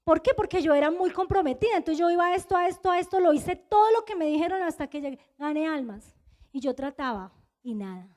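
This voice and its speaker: High-voiced woman pastor preaching. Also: expressive, quick pace, a little mellow. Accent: Colombian Spanish. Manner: confessional storytelling, acting out dialogue, pitch swings high. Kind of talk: sermon.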